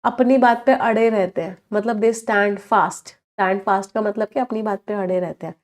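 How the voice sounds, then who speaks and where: A woman with an Indian accent teaching English vocabulary in a live online exam-prep class, mixing Hindi and English, asking the class questions and drawing out each English word slowly. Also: mid-range voice, a little mellow.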